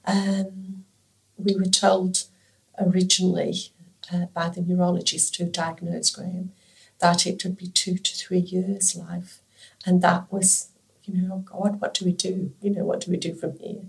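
A woman, a former nurse speaking softly and hesitantly in an interview. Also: on the low side, level tone, a little slow, gravelly. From England. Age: 60s. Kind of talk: conversational interview.

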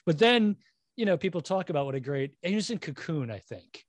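A man's voice: a little high, very animated, a little fast, no echo, studio quality. A man rambling in casual movie chat, full of fillers and self-deprecating asides.

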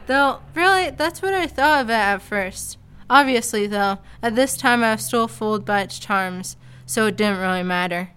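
A woman's voice: on the high side, normal speed, fairly bright tone, smooth. A woman narrating a comedic story in a casual, sarcastic way. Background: faint background music.

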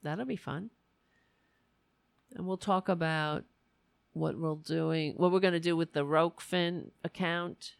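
A woman hosting a live stream, chatting casually and haltingly as if thinking aloud. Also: low-pitched, fairly even intonation, creaky, no room sound. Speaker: host of a political live stream. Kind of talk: casual livestream chat.

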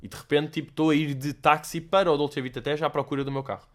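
A young man with a European Portuguese accent, chatting casually as host answering listener questions, animated and swearing, dropping in English slang. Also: fairly high pitch, quick pace. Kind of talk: casual chat.

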